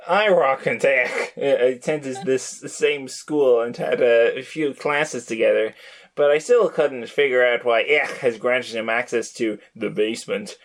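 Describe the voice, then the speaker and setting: A man hosting a podcast, reading a novel aloud to friends with wry, joking asides. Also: medium pitch. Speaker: podcast host and reader.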